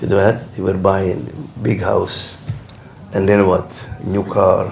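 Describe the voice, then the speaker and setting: A man's voice: deep voice, monotone, slow, gravelly. A man, an imam, preaching a sermon, telling stories and acting out the people in them, switching between Indonesian and English. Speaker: imam giving a religious talk. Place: community hall. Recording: echoey room with faint background noise.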